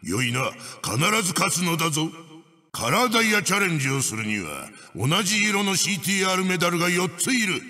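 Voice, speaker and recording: In a large hall, a man performs a full character voice as an evil wooden witch-doctor mask spirit, pompously commanding racers with archaic wording. The voice is high, very animated, sharp and a little fast, and it sounds bossy and threatening.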